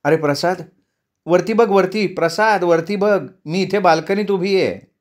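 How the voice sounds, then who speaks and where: A man's voice: sits high, a little slow, pitched above the performer's own voice. A man voicing a restless, fussy old grandmother in a read-aloud story, motherly and pleading. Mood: calling out.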